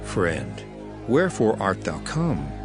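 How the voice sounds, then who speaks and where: An actor playing a grave, sorrowful yet authoritative Jesus in deliberate archaic speech for a dramatized scripture recording. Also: male voice, low voice, huge pitch swings, full character voice. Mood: grave, reproachful. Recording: music behind the voice.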